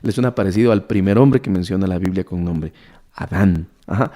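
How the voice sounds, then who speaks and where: Here a man delivers sermon-style Bible teaching to an assembled audience in a low, dark voice at a brisk pace. Key words get repeated for emphasis, and he keeps putting questions to his listeners.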